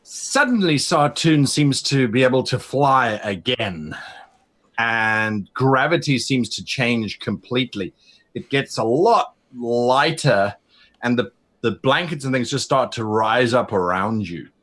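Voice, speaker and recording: A man's voice: medium pitch, lively intonation, slow, fairly bright tone. A man running a tabletop game as game master, narrating scenes vividly with a few fillers.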